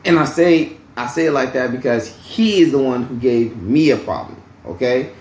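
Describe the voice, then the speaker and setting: A vlogger with a mid-range, darkish, expressive voice tells a story about his job at a moderate pace in an echoey room. He rambles casually and repeats himself, keeps asking "okay?", and swears bluntly and freely.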